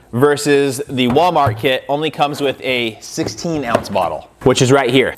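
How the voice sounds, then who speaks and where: A man in his thirties hosting a car detailing channel, talking casually through a product comparison with lots of fillers, recorded in a garage workshop on a lapel mic. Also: medium pitch. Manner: conversational, filler-heavy, demonstrative with hands.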